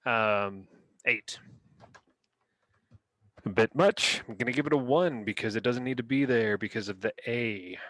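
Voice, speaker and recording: A man's voice: medium pitch, unhurried, pauses often, a bit bright, dry recording, studio quality. A man co-hosting a podcast, rating dictionary words in casual chat and reading definitions aloud in a playful, rambling way. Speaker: podcast co-host.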